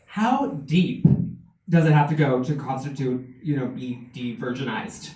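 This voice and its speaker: Secretly recorded from the audience, a man performs stand-up at a benefit show, telling self-deprecating, confessional jokes. His mid-range voice moves at a measured pace, and the lo-fi bootleg sounds distant and echoey, with loud noise.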